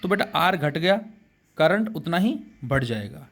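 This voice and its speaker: A man with a slightly high, gravelly, somewhat bright voice teaches a classroom physics lecture in Hindi sprinkled with English terms. Expressive and unhurried, he calls his students beta and poses rhetorical questions that he then answers himself.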